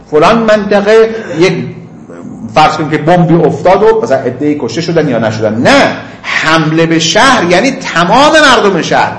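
Animated male seminary lecturer, echoey room. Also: on the high side. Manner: reads Arabic text slowly then explains it in colloquial speech. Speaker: religious teacher.

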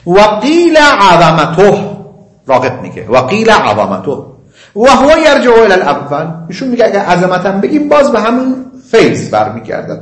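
Guy teaching a religious law class, bouncy up-and-down voice, slow chanted quotes, echoey room. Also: high-pitched. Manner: slow chanting of quoted Arabic, quick asides. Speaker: seminary lecturer.

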